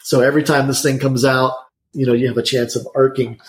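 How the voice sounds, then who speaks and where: A man, talking as a guest in a casual interview. He is an insulation contractor who rambles through his stories at a quick clip, and his mid-pitched voice bounces around an echoey room. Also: little pitch movement. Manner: chatty, rambling, quick storyteller.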